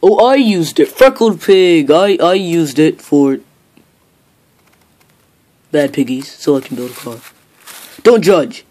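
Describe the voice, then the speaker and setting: A man's voice: on the high side, animated, takes it slowly, long pauses, darkish tone. A man voicing a blunt, defensive pig henchman in an improvised cartoon puppet show.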